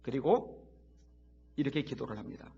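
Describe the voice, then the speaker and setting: A man preaching a sermon as pastor in a church, leading the congregation to repeat after him and rising from quiet talk to loud, impassioned shouts. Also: medium pitch, moderate pace, gravelly, breathy edge, lo-fi sound. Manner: leads the congregation in call-and-repeat. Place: church sanctuary.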